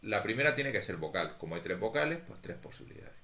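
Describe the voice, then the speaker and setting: A very low-voiced man talks through a statistics exercise at an unhurried, methodical pace. His voice bounces around an echoey room. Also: sing-song, sharp tone. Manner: methodical, thinks aloud, talks to students. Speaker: statistics teacher. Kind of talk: recorded lecture walking through exercises.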